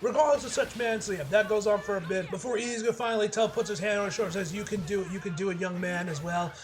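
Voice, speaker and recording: This anime reviewer, a native English speaker, has a high male voice and races through his take on an episode over music. His style is that of an excitable fan: casual, rambling, slangy, and heavily profane.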